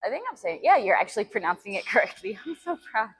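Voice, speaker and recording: A woman whose first language is Albanian chats fast and casually on a fitness live stream from a gym, her medium-pitched voice swinging widely in pitch. She laughs often and reads chat comments aloud between sets, and the rough recording carries a little hiss or hum.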